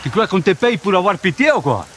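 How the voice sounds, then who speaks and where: A man's voice: very animated, a little fast. Stern Spanish-accented drill-sergeant instructor, man. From Spain. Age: 40s. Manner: stern drill-sergeant, goading with curt questions and blunt orders. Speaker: Foreign Legion chief warrant officer, instructor. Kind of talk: military instruction to trainees. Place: outdoors on a training course. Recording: noisy outdoor field recording with vehicle rumble.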